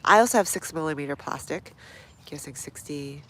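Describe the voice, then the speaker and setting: Low-pitched, a bit bright, and a little fast, this stuffy-nosed woman runs a relaxed gardening livestream outside. She chats with viewers and reads their comments while she works, and a slight hiss or hum runs through the audio.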